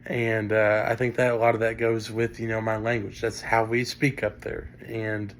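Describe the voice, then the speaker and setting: A man's voice: on the low side, level tone, moderate pace, slight background noise. A young man from northern Indiana with a Great Lakes Midwestern accent, giving a casual spoken class presentation full of fillers. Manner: casual, many fillers and restarts. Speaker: student presenting a class assignment.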